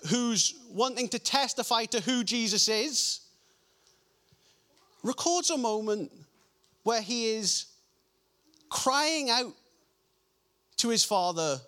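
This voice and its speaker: A man preaching a sermon, reading scripture passages in a lower, softer voice and slowing down to stress key lines.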